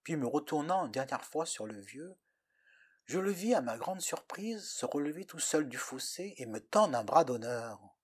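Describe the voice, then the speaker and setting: A man's voice: fairly high pitch, expressive, normal speed, slightly rough. A man narrating a poetic story in the first person with a dramatic, lyrical delivery.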